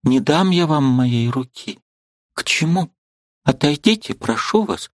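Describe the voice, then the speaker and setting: A man reading an audiobook and voicing a sad, restrained young woman who speaks quietly, firmly and pleadingly. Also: on the high side, expressive, measured pace, dry recording, clean studio sound, voice pushed up.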